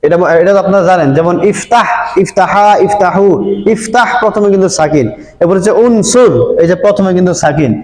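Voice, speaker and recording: Male grammar teacher at a board, high-pitched, patient, repeats and checks in, roomy and reverberant sound. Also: a little fast, darkish tone. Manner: patient, repeats points and checks understanding often. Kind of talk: board lesson explaining Arabic verb forms. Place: room with a board. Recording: echoey room with long reverb.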